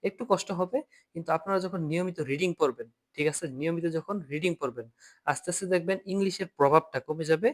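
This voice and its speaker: A man's voice: on the high side, quick pace. A man teaching an online German class by video call, patiently repeating each point and asking students to read aloud.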